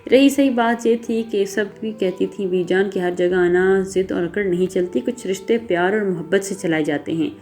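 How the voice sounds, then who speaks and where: A woman narrates an episodic novel in a steady, even storytelling delivery. Her voice sits at an ordinary middle pitch. Quiet background music runs under the reading. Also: hardly any pauses.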